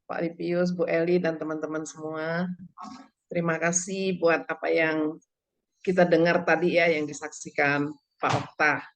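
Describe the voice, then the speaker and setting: A woman's voice: sits low, flat delivery, measured pace. An older woman from Indonesia gives an earnest church testimony over a video call, telling her story and acting out the dialogue. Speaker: testimony speaker.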